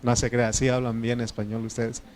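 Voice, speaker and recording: A Mexican pastor from Oaxaca delivers a sermon in a Mexican Spanish accent, in the measured voice of someone who learned Spanish as a second language. He talks conversationally, pausing on fillers and correcting himself as he goes. He keeps turning to the congregation with questions. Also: mid-range voice, little pitch movement, a little mellow. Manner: frequent fillers and self-corrections.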